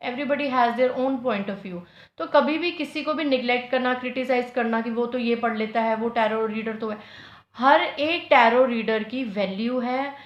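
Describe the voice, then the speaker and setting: A woman reading tarot piles in a casual video, earnest and pleading, mixing English phrases into her talk. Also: high-pitched. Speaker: tarot reader. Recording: echoey, dull lo-fi room sound.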